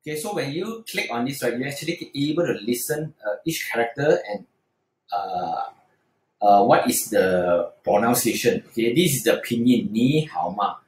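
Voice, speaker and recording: A man's voice: mid-range voice, sing-song, normal speed, darkish tone, echoey room, rough recording. A man teaching beginner Mandarin in a screen-recorded tutorial, talking hesitantly with frequent fillers and restarts.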